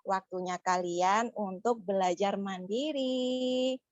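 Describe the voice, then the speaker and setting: A young woman telling stories to young schoolchildren, slow, animated and coaxing. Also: medium pitch, no room sound. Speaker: children's storyteller. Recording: slightly muffled, dry sound.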